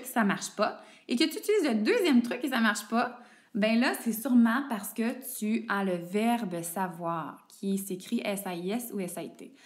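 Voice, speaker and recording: A woman, patiently explaining spelling rules step by step to a student and spelling words out letter by letter. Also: medium pitch. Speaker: teacher. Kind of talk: explaining French homophones to a student.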